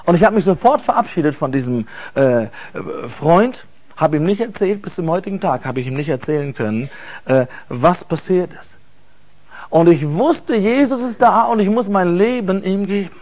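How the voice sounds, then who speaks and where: A man telling an emotional personal faith testimony, earnest and halting, repeating words for emphasis. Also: sits high, animated, darkish tone, lo-fi sound. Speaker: speaker giving a faith testimony.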